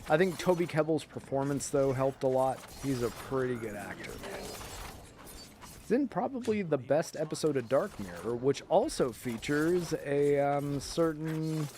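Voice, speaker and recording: A man hosts a livestream, chatting casually to viewers in a rambling, joking way, animated and often breaking into chuckles, sometimes trailing off into muttered asides. His voice is a little high and at normal speed, with background noise.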